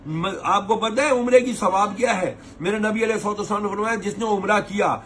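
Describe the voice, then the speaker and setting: A man's voice: high-pitched, fairly bright tone, a little hiss or hum. A man, a tour operator lecturing pilgrims to camera in a preachy, scolding way, mimicking their complaints. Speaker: umrah tour operator giving advice. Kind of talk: advice talk to camera.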